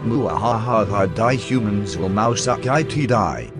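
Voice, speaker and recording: Cartoon villain: man playing a vengeful possessing spirit, low, slow theatrical menace, loud music behind. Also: lively intonation. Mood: menacing. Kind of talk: cartoon skit dialogue.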